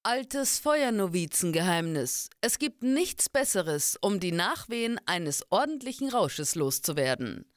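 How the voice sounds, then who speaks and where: Give me a woman playing a measured, dry old mage man in a storybook, no room echo. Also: fairly low pitch, sing-song. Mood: wry.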